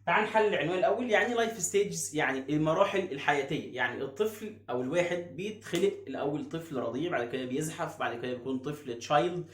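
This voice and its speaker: An English teacher with an Egyptian Arabic accent explains pronunciation, asking himself questions and answering them. His voice sits high, and he repeats words slowly. The room gives a clear echo. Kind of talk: phonics lesson explaining pronunciation.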